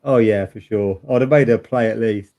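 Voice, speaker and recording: A man's voice: fairly low pitch, moderate pace, lo-fi sound. A man co-hosting a live tennis watchalong, reacting to the play in casual chat. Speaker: watchalong co-host.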